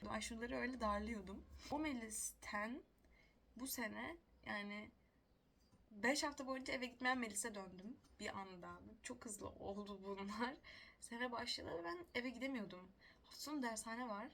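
A woman's voice: a little high, moderate pace, a bit bright. A young woman telling stories casually to the camera, chatty and self-mocking, laughing often. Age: young adult. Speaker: vlogger.

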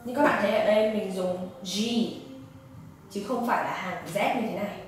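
A woman teaching Japanese pronunciation, slowly demonstrating each syllable. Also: mid-range voice, a little hiss or hum. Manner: slow, careful demonstration of syllables. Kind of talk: pronunciation lesson. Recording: echoey room from a distance.

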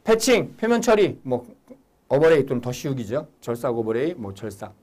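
A middle-aged man teaching a recorded exam-prep lecture, animated and nagging, sometimes acting out a student's thoughts. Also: medium pitch, moderate pace.

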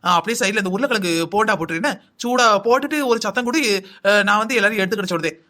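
A man's voice: high-pitched, lively intonation, very fast, sharp tone. A man voicing a fussy older mother-in-law in a cartoon, giving long kitchen instructions. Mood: bossy.

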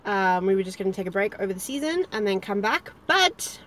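A woman's voice: medium pitch, sing-song, fairly quick, a bit bright, a little hiss or hum. A young woman, co-hosting a casual chat outdoors in a park, playful and full of "like". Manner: chatty and playful, peppered with "like". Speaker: co-host.

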